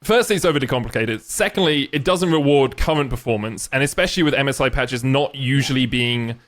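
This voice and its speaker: A man's voice: medium pitch, a little fast, fairly bright tone. A man co-hosting an esports podcast, giving rambling, wry analysis with dry jokes. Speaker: podcast co-host. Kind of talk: casual esports chat.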